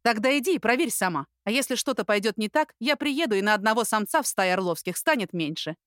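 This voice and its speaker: Brief: woman reads steady, teasing male friend, dry close reading. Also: a little high, fast talker, dry recording. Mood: calm. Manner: steady, reassuring, wry.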